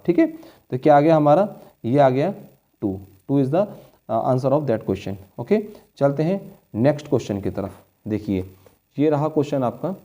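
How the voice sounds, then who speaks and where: A man's voice: fairly high pitch, dark tone. A man teaching a board-exam maths lesson, explaining each step patiently and checking in with his students often. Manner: addresses students as children.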